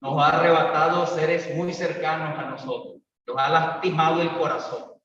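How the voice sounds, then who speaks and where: A pastor preaching an evangelistic sermon, swinging between loud calls and quiet asides. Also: male voice, a little high, fairly even intonation, normal speed, a little hiss or hum. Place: church hall. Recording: echoey church hall, distant mic, dull sound.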